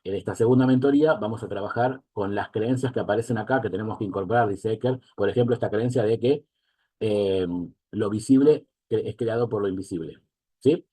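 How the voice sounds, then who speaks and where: A man's voice: fairly low pitch, fairly quick, dark tone, breathy edge, dry recording. A man with a Rioplatense Spanish accent giving an online mentoring lesson as a life coach. He keeps checking that the listener is following him. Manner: asks for agreement again and again.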